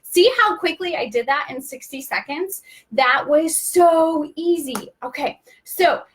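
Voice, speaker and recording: A woman hosting a live online training, teaching in a rapid, chatty way and talking like an auctioneer to stay on time. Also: sits high, a little hiss or hum. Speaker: social media video trainer. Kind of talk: casual live-stream teaching.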